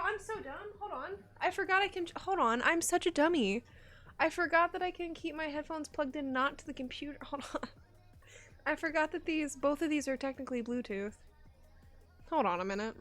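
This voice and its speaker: A woman's voice: high-pitched, normal speed, long pauses, a bit bright, soft background music. A woman streamer in casual live-stream chat, chatty and self-mocking, laughing often and swearing casually.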